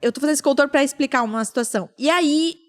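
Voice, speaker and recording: A woman's voice: high voice, rapid-fire. A woman in her thirties hosting a podcast, telling a personal story with feeling and acting out the lines of others. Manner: emotional storytelling, acts out quoted speech. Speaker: podcast host. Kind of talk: casual podcast chat.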